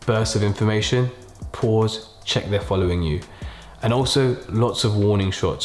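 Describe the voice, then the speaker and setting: A man giving an informal step-by-step lesson as a medical tutor, explaining methodically and numbering his points. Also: lowish voice. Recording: roomy, echoing voice pickup.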